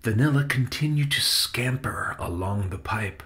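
A man reading his own children's book aloud, with expressive, dramatic storytelling. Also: medium pitch, unhurried. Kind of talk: audiobook narration.

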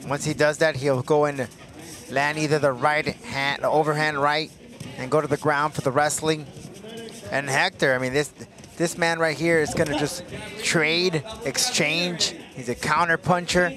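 A man's voice: fairly high pitch, steady tone, measured pace, bright, forceful tone. A man giving live analysis as colour commentator on a fight broadcast. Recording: music under broadcast commentary.

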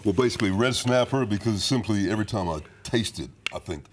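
A man, a voiceover artist, chatting as a guest on a TV cooking show in a relaxed way. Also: lowish voice, quick pace. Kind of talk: studio chat. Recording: TV studio with background noise.

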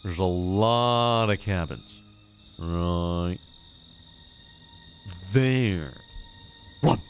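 A man's voice: deep voice, drawn-out words, soft background music. A man hosting a live stream, chatting to viewers while playing a game. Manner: chatty, thanking and talking to chat while playing. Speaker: streamer host. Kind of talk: live gameplay commentary.

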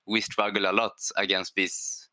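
A man's voice: low voice, level tone, moderate pace, pushed and bright, dry recording. A man who plays on a structured esports team, talking on a show panel in a thoughtful, hesitant way with many fillers and "right?" tags. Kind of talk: panel discussion on a gaming show.

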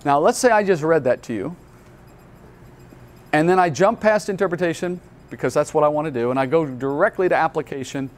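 A man's voice: fairly high pitch, a little fast. A male pastor giving a Bible teaching at a conference, explaining earnestly step by step and asking rhetorical questions. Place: conference hall.

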